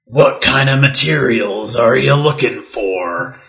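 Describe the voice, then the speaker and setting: Man putting on a husky chain-smoking half-orc woman. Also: medium pitch, lively intonation, slow pace, fairly bright tone, roomy sound, dull audio, voice pushed up, exaggerated voice. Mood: flirty. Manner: husky smoker's drawl, flirtatious.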